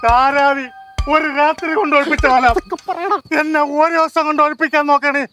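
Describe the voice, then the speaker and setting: Woman doing a drunk loudmouth husband, high fast voice, music under it. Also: steady tone. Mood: blustering. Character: drunk quarrelsome husband, middle-aged man. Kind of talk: comedy sketch acting.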